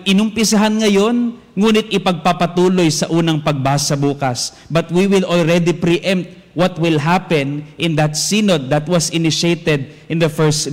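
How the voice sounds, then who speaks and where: Animated priest in an echoey church. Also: male voice, a little high. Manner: animated, mixes languages, acts out quoted voices. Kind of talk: homily with storytelling. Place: large church. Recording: echoey church with long reverb.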